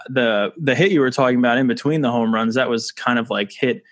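A man co-hosting a sports podcast, talking in a relaxed, chatty way with frequent restarts. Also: mid-range voice, brisk. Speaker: podcast co-host. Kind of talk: casual sports podcast chat.

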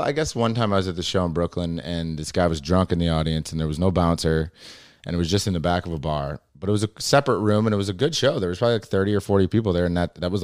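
A man's voice: low-pitched, no room sound, studio quality. A young man, a stand-up comic, telling stories in a casual podcast chat and acting out the lines of the people in them. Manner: fast, animated storytelling with acted-out quotes.

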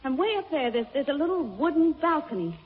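A woman's voice: sits high, very animated, a little fast, in a large hall. An actress playing an anxious but plucky lady companion to a detective, dramatic, in old-time radio mystery style. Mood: uneasy. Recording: muffled old radio recording.

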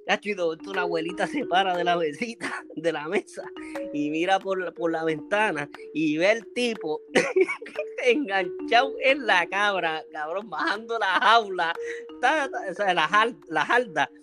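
A man's voice: sits high, moderate pace, over music. A man with a Puerto Rican accent telling a joke casually on a podcast, rambling and slangy. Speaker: podcast co-host.

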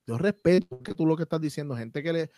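A Puerto Rican man hosting a casual podcast, speaking with an emphatic, fired-up drive and swearing freely. His voice sits a bit high for a man, and the recording is close and dry with no room echo. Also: fast, mellow. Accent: Puerto Rican Spanish. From Puerto Rico. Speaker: podcast host.

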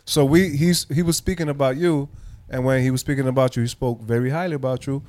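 A man's voice: medium pitch, fairly even intonation, quick pace, darkish tone. A man interviewing a podcast guest in casual, slangy, loosely phrased talk. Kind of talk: casual chat.

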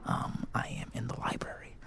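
A man's voice: fairly low pitch, lively intonation, moderate pace, vocal fry. A man playing an awkward, eager teenage boy hosting a school podcast, whispering into a handheld mic in a library and rambling with lots of fillers. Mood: hushed excited. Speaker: podcast host. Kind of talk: scripted comedy podcast. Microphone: handheld microphone.

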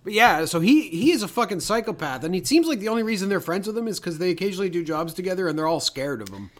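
A man's voice: high-pitched, big pitch swings, fast. A man chatting casually about films as a podcast co-host, blunt and freely swearing. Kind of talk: casual film discussion.

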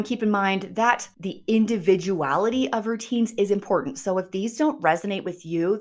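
A woman hosting a self-improvement show, giving upbeat, tidy advice straight to listeners in emphatic, punchy phrases. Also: on the low side. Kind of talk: scripted advice monologue to listeners.

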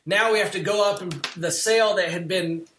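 A man casually recounting an ordeal at sea in an interview, animated and full of fillers. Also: sits high, normal speed, a little hiss or hum. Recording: roomy sound with music underneath.

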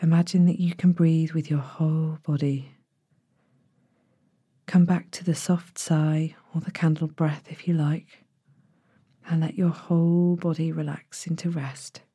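Woman, sleep story narrator, very dark mellow tone, breathy and soft, gentle guided meditation delivery, close dry sound. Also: deep voice, flat delivery, dry recording. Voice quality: soft, breathy, slips toward whisper. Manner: gentle, soothing, unhurried instructions.

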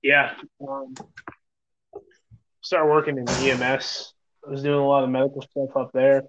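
A man from New York who works as an EMS medic talks through his experiences in a relaxed, rambling way. He swears casually, restarts sentences and keeps tagging "man" onto his thoughts. The recording sounds dull and lo-fi. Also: mid-range voice, normal speed, a little hiss or hum. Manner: rambling, profane, many fillers and "man". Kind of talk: casual interview talk.

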